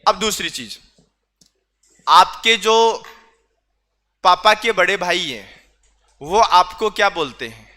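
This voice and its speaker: A man's voice: high-pitched, animated, slow pace, long pauses, bright, forceful tone. A man teaching a class, quizzing students with repeated questions and teasing asides. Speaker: reasoning teacher. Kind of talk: online class lecture.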